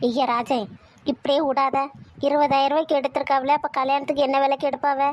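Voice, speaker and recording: A bossy old grandmother, played by a woman, always finding fault and nagging her family. Her voice sits high and the words tumble out fast as she scolds everyone. It plays like a homemade family skit. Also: level tone, lo-fi sound, a little hiss or hum, lightly acted. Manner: scolding, rapid-fire complaining. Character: sharp-tongued domineering old grandmother. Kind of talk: family comedy skit acting.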